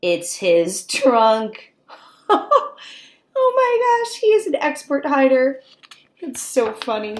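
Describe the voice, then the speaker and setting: A woman with a high voice reads a children's picture book aloud in her role as teacher. Her delivery is lively and coaxing, punctuated by pauses in which she asks the young audience questions.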